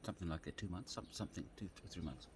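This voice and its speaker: A man with a very low voice tells a personal story outdoors. He talks in a halting, unhurried way and often restarts or repeats his phrases. Faint birdsong and outdoor ambience sit quietly behind him. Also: noisy background. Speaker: vlogger. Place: outdoors on grass.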